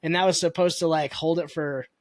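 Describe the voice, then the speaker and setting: Man, fairly high voice, podcast co-host, easygoing, reassuring, dry close sound. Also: steady tone, fairly quick, dry recording. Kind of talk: casual chat.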